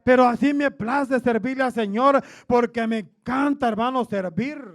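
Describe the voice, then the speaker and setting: Male preacher with a big, booming voice that sits very high, with some grit in it. Keeps calling the congregation "brother" in every line. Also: normal speed. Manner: says "hermano" after nearly every phrase; loud, booming voice. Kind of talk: sermon.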